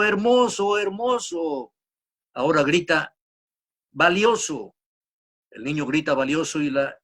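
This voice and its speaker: A middle-aged man hosting a radio show on business leadership, telling a parable and acting out shouts and echoes. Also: mid-range voice. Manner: storytelling, acts out shouts and echoes. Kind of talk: motivational business talk with a told parable.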